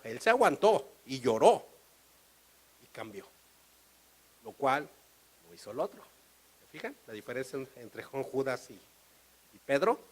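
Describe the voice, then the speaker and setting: Animated preacher with a Mexican accent. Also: male voice, on the high side, poor audio. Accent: Mexican Spanish. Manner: animated, storytelling, acts out dialogue. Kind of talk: sermon.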